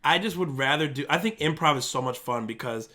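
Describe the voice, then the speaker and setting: A man's voice: medium pitch, lively intonation, a little fast, pushed and bright. A man hosting a podcast in casual chat, joking, laughing and swearing freely. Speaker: podcast host.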